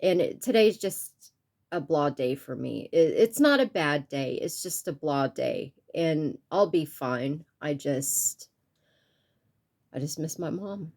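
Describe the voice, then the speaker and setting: A woman talking to her viewers in a personal vlog, earnest and soft-spoken, with stuffy sinuses and a tearful edge, pausing and restarting often. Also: sits low, expressive, vocal fry. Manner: halting, with many pauses and restarts. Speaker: YouTube art channel creator.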